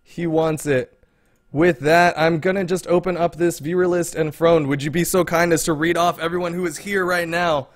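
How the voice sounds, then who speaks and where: Upbeat guy hosting a stream giveaway, kinda high voice, laughs a lot. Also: steady tone, normal speed. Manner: upbeat, chatty, laughs often. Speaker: stream host. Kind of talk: casual livestream chat, giving away codes.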